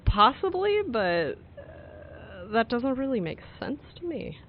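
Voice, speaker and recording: A man talks slowly with a lively, rising and falling pitch, his voice muffled and thin as if heard through a wall. The call line is narrow and phone-like, with faint noise behind it. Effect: muffled, as if talking through a wall. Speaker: co-streamer. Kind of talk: casual chat over voice call.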